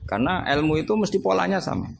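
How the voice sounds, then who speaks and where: A man's voice: a little high, quick pace, gravelly. Man, Javanese accent, religious teacher, joking lecture, noisy live recording. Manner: joking, animated storytelling with laughter. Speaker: Islamic scholar teaching fiqh. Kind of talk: relaxed pesantren religious lecture with jokes. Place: lecture gathering with students.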